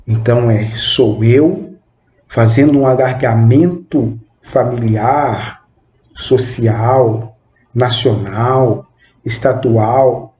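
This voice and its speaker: A man in his twenties giving a reflective spoken monologue, with halting, measured phrasing and frequent questioning tag words. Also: mid-range voice, dark tone. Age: 20s. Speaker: channel host. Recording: roomy echo with faint background noise.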